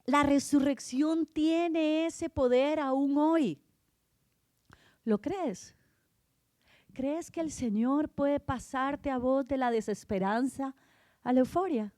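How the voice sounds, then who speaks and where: Animated woman preaching. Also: high voice, slow pace, pauses often, no echo, studio quality. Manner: animated storytelling, often asking listeners "right?"; acts out voices of the people in the story. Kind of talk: Easter sermon to a congregation.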